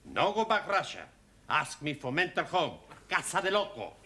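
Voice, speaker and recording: Eager Spanish student, swooping pitch. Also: male voice, very animated, normal speed. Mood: earnest. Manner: broken English, eager. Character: cheery, conspiratorial Spanish-speaking male language student. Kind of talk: sitcom acting. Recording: noisy 1970s television studio soundtrack.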